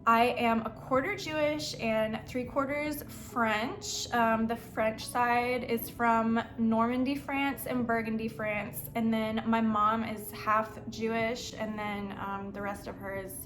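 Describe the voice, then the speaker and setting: Slow-talking, chatty young American woman. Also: a little high, fairly even intonation. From United States. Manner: chatty and rambling, full of "like" and "um". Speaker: associate worship pastor and singer. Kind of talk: casual Q&A vlog.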